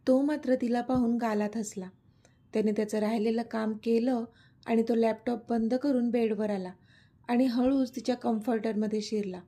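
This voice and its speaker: A woman's voice: on the high side, steady tone, normal speed, mellow. A woman narrating a serialized romance story, reading both partners' lines with light expression. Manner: reads dialogue of a romantic couple with light expression.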